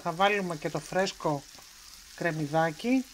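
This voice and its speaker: A woman's voice: fairly low pitch, heavy background noise. Chatty woman cooking at home. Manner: homely, chatty, explaining each step. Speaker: home cook presenting a recipe. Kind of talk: cooking tutorial narration. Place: home kitchen at the stove.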